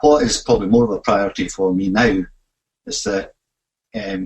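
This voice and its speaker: Broad Scottish male presenter, technical webinar, hesitant delivery, pitch swings widely. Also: gravelly, low-quality recording. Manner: hesitant, with frequent fillers and self-corrections. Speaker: imaging facility manager presenting a webinar.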